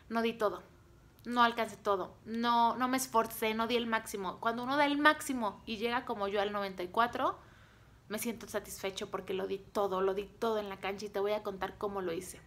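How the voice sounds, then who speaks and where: Mexican woman vlogging, pumped up sales leader, short punchy lines, acts out convos as she goes. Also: mid-range voice. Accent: Mexican Spanish. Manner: animated, acts out dialogue, punchy short phrases. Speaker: direct-sales team leader. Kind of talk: motivational storytelling to viewers.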